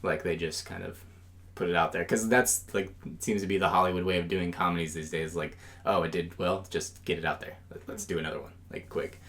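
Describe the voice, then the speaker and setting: A young man with a very low voice hosts a casual movie podcast. He rambles loosely, stacking fillers as he thinks aloud. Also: steady tone, a little fast, a bit bright. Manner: rambling, heavy on "like" and "um". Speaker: podcast co-host.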